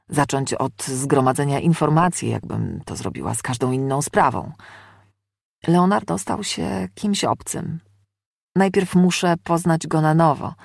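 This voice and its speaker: A woman reading a first-person fantasy audiobook in an even, wry storytelling manner. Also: sits low, creaky, no echo, studio quality. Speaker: audiobook narrator.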